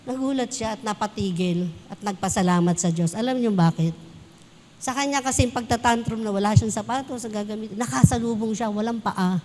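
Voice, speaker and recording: Speaking briskly in a somewhat mellow voice on the high side, a Filipino woman pastor delivers a church sermon that mixes Tagalog and English. She tells personal stories and laughs as she goes. There's a long hall reverb and a little hiss or hum.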